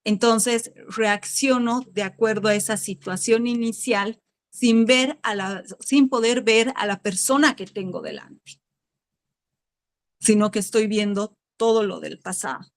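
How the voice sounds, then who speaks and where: A woman guest in a podcast interview, calmly explaining through first-person examples. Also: a little high, unhurried. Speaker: guest therapist. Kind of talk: interview answer.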